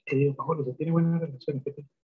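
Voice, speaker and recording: A man's voice: a little high, steady tone, quick pace, breathy edge. A man, a law student, chatting casually before class, asking short teasing questions over a video call. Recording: tinny dry phone-like line.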